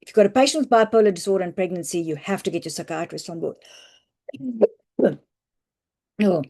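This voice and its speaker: A woman physician teaches on a video call, her voice hoarse and croaky. She explains clinical points in a practical, reassuring way. Her delivery is loose and conversational. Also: on the low side, very fast, darkish tone. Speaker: family physician presenting a webinar. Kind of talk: online medical teaching talk. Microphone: computer mic on a video call.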